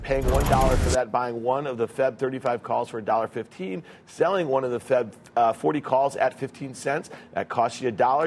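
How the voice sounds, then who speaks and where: A man giving a casual, conversational options trade pitch on a financial TV panel, thinking aloud with some fillers. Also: a little hiss or hum. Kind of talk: fast market commentary.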